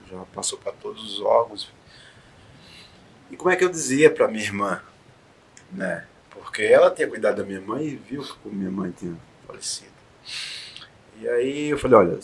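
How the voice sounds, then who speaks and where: A man being interviewed opens up with a heartfelt, emotional personal story, his mid-range, slightly rough voice sometimes going soft and sometimes swelling into loud encouragement.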